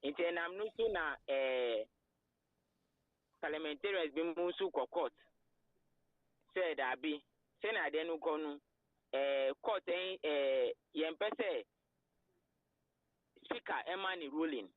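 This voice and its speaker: A man with a Ghanaian accent speaking as a lawyer on a radio call, explaining haltingly and mixing in English legal terms. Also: on the high side, dry recording. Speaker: lawyer, interview guest. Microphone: telephone. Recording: narrow, tinny phone line.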